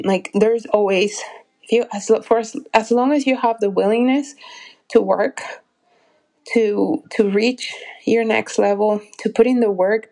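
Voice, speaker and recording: A business coach and podcast host in her forties gives a solo motivational talk, earnest and encouraging. Her mid-range voice is a little mellow with vocal fry, and she often pauses and restarts while searching for words.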